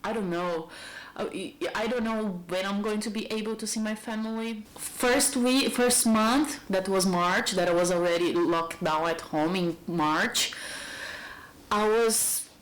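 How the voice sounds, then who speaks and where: A YouTuber in her thirties from Brazil meanders through a personal vlog at home, thinking out loud in English, which she speaks as a second language with a heavy Brazilian Portuguese accent. Her medium-pitched voice is unhurried, and the audio is poor.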